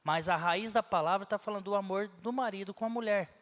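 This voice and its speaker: A man's voice: high-pitched, fast talker, fairly bright tone, in a large hall. A man preaching a sermon in a conversational, teaching way, with asides and rhetorical questions, from a church pulpit. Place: church hall.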